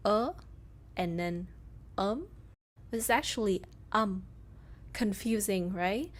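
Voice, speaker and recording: A woman with a Southern Vietnamese accent teaching pronunciation in a scripted lesson, reading sounds out slowly one by one. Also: mid-range voice. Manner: slow, careful, reads sounds out one by one. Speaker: language teacher.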